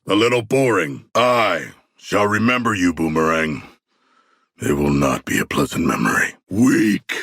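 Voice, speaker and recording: An actor voicing a hulking, earnest, battle-hungry shark brute in a video game, with a rough, gravelly voice and formal, articulate, literal-minded diction. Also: male voice, deep voice, expressive, measured pace, a bit bright, dry recording, clean studio sound, exaggerated voice. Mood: grim, menacing. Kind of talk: video game character voice lines.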